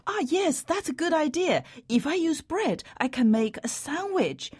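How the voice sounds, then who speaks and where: A woman's voice: high voice, big pitch swings, a little slow, darkish tone. A woman co-hosting a scripted language lesson, who plays naive and jokey before she explains a phrase. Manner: playfully naive, then explaining. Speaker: co-host.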